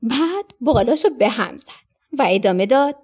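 This storyteller is a woman whose voice is high and breathy, telling a lively tale for children. Her delivery is expressive, sinking to a whisper whenever the suspense grows.

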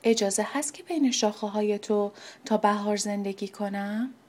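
A woman voicing a small injured bird that pleads slowly and gently for shelter in a children's story. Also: mid-range voice, fairly even intonation, natural voice. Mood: pleading. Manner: slow, pleading. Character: timid little hurt bird, pleading softly.

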